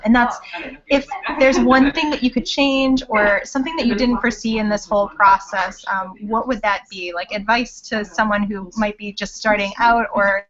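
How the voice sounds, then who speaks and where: A woman's voice: on the high side, a bit bright. A woman interviewing library staff over a video call, upbeat and encouraging. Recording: dull lo-fi video call audio.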